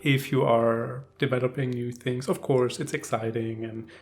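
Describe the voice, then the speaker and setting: A man's voice: medium pitch, fairly even intonation, moderate pace, vocal fry, soft background music. A man co-hosting a casual podcast chat, talkative and teasing, often restarting his words. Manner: chatty and teasing, with restarts and stammers. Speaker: podcast co-host.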